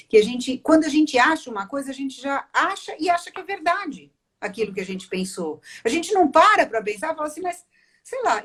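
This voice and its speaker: Brazilian woman, psychologist guest, husky, higher voice, explains and quotes people. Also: fairly bright tone. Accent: Brazilian Portuguese. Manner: explanatory, acts out quoted lines. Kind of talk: conversational interview.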